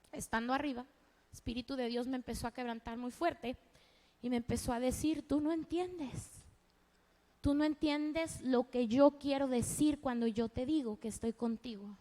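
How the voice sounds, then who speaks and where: A woman's voice: high-pitched, big-room sound. A woman pastor preaching a sermon in a conversational way, rising to emphatic bursts.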